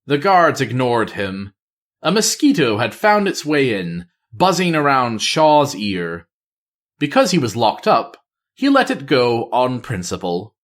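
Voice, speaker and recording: A man narrating a novel aloud in a middle-range voice. His delivery is expressive, with pitch that rises and falls freely from phrase to phrase. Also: unhurried. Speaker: storyteller.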